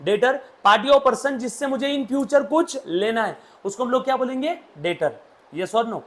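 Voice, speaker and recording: A man's voice: very high voice, moderate pace, fairly bright tone. A man, teaching accountancy to a classroom and drilling students with questions. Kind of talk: classroom lecture.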